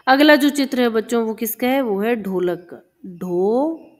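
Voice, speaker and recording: A woman's voice: on the high side, expressive, normal speed, a little mellow. A woman teacher explaining a children's textbook lesson, patiently repeating words and sounds for young pupils.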